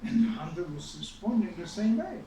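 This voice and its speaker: A man with a high yet mellow voice tells a sermon story, speaking conversationally and checking in with his listeners. He sounds distant from the mic in an echoey hall. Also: sing-song, a little fast, a little hiss or hum. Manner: conversational, many asides to the audience. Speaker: spiritual teacher giving a scripture class.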